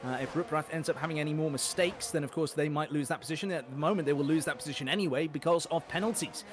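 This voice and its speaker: A man calling a sim race play by play, rapid and excitable as the action unfolds. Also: fairly high pitch. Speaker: race commentator. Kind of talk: play-by-play sim racing commentary.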